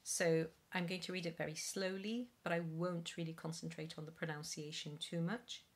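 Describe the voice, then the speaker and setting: A middle-aged woman, a singing teacher, slowly explaining pronunciation while reading from sheets in a small room at home. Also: on the low side, fairly even intonation. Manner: slow careful enunciation with spoken explanations. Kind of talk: pronunciation lesson read from sheets.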